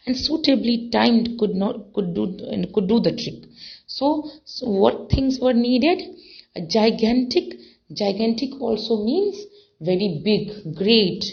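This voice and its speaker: A woman teaching an English textbook lesson, reading passages aloud and explaining words slowly, with many fillers and repetitions. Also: mid-range voice, vocal fry. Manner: slow, repeats and defines words, many fillers. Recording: dull lo-fi recording.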